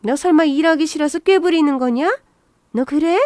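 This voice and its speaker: Woman doing a high-pitched, scornful older mother-in-law for an audio story, bossy and nagging. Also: moderate pace, dark tone, dry recording, clean studio sound, close to an everyday voice. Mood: scolding. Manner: harsh, nagging, contemptuous.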